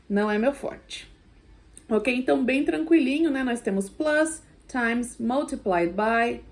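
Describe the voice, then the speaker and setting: A woman with a Brazilian accent teaching an English class in a recorded video lesson, reading vocabulary lists aloud slowly and patiently. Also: medium pitch, vocal fry, darkish tone, slight background noise. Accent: Brazilian Portuguese.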